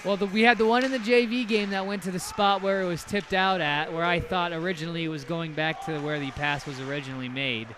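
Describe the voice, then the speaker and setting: A man doing play-by-play commentary on a hockey game, with rapid calls that surge loud on goals. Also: high voice, fairly even intonation, music in the background. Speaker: play-by-play announcer.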